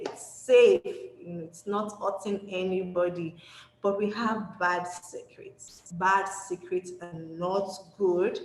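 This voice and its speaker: A woman presenting a safety webinar for children, animated and encouraging, often checking in with "okay?". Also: mid-range voice. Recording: echoey room, faint background noise.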